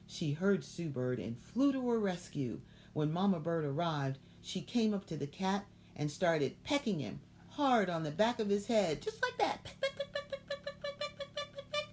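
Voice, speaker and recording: A middle-aged woman reading a children's picture book aloud, expressive and asking the listeners questions. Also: on the low side, slight background noise. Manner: expressive, asks listeners questions between passages. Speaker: children's story reader.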